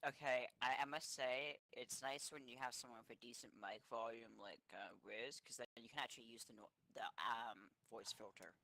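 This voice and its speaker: A man's voice: medium pitch, steady tone, normal speed, hardly any pauses, pushed and bright, no room sound. A man chatting casually and technically as flight director in a simulation, tentative and rambling.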